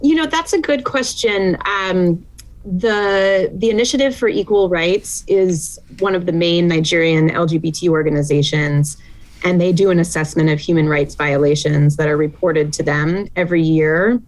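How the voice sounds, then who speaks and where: Low-voiced woman professor, measured. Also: rough recording. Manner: measured, thoughtful, with frequent fillers. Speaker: guest expert, professor. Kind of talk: academic interview answer.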